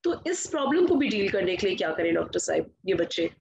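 A woman's voice: fairly low pitch, sing-song, quick pace, creaky, darkish tone, lo-fi sound, slight background noise. A woman hosting a health interview, politely affirming her guest and asking questions. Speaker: health show host.

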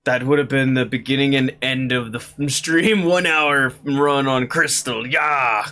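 Slow-talking streamer with pirate growls. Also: male voice, mid-range voice, bright, forceful tone. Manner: growls pirate-style yar and arr interjections, swears. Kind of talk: let's play commentary.

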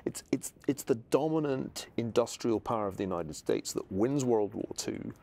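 A man's voice: fairly low pitch, expressive, normal speed, gravelly, warm tone. A man from Scotland in a studio interview, musing aloud with restarts, on a lapel mic. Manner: thoughtful, searching, with many restarts. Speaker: historian guest. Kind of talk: conversational interview. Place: studio set with armchairs.

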